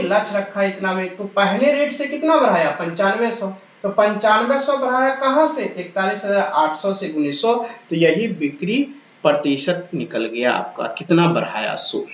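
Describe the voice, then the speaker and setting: A man's voice: high voice, a bit bright. A male math teacher, talking through exam problems step by step and repeating the numbers aloud in an encouraging way. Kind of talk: exam-prep math lesson. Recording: very echoey, dull lo-fi room sound.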